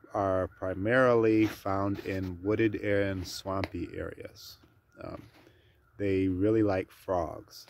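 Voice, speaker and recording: A man's voice: sits low, darkish tone, a little hiss or hum. A man vlogging from his farm, talking casually and rambling with many ums and uhs. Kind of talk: casual chat to camera.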